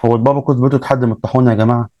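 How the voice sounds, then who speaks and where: Egyptian male storyteller, quick and casual, repeats himself, dry close mic. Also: medium pitch, little pitch movement, mellow, no echo, lo-fi sound. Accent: Egyptian Arabic. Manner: retells events with many repeats and restarts.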